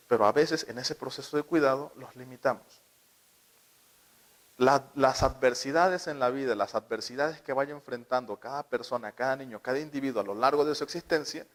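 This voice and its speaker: A man with a fairly high voice gives a talk to parents on how children develop. He keeps asking his listeners questions and slips into short acted-out quotes to make his points. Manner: asks the audience questions and acts out little quoted scenes.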